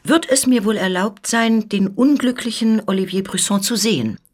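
A woman's voice: medium pitch, normal speed, pitched above the performer's own voice, natural voice. A woman reading the part of an upright older noblewoman, pleading and indignant, in a radio reading of a story.

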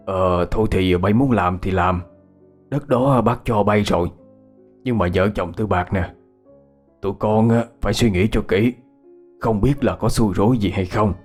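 A man voicing a cautious old village elder who speaks in a slow, fatherly tone. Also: fairly low pitch, faint music behind.

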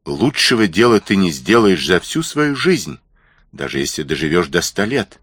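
A man's voice: low voice, big pitch swings, normal speed, fairly bright tone, dry recording, studio quality, heavily acted. A man voicing a kindly but stern middle-aged ship's doctor in an audiobook, earnest and reproachful. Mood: warm.

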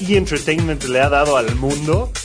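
A man's voice: fairly high pitch, moderate pace. A man with a Mexican accent chatting casually as a podcast sidekick. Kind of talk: casual chat. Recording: loud music behind the voice. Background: loud music.

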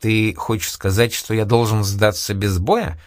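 A male narrator voicing a calm, wry young fighter speaking quietly. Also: fairly low pitch, unhurried, no room sound, studio quality, natural voice. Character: calm sly young man, fighter before a final.

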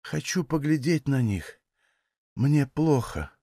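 A man's voice: mid-range voice, sing-song, slow pace, no room sound, studio quality. A man voicing a weak, dying young peasant woman who speaks faintly and breathily in an audiobook.

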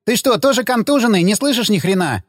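A man's voice: high-pitched, animated, fast talker, dry recording, clean studio sound, pitched above the performer's own voice. A man voicing a brash, crude, wisecracking male stalker in an audiobook. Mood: mocking. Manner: wisecracking, boastful, loud. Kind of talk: audiobook character voice.

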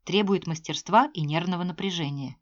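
A woman reading a novel aloud as an audiobook narrator, measured and expressive. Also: lowish voice. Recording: slightly dull lo-fi sound.

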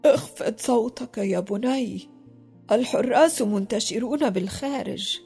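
A woman voicing a kindly, loyal old male servant in a children's audio drama, often talking in a hush. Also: high voice, lively intonation, moderate pace, faint music behind. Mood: whispering. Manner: fearful at first, later hushed and secretive.

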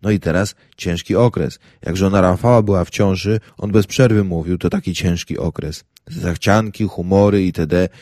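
Brief: young male narrator, deep voice, wry and ironic comic reading, dry close-mic studio sound. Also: steady tone, moderate pace, few pauses, a little mellow, dry recording. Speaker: audiobook narrator. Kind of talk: first-person humorous narration.

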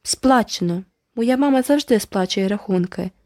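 A woman's voice: mid-range voice, lively intonation, normal speed, mellow, dry recording, studio quality, lightly acted. A woman voicing a prim, haughty seven-year-old girl who insists stubbornly. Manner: stubborn and superior.

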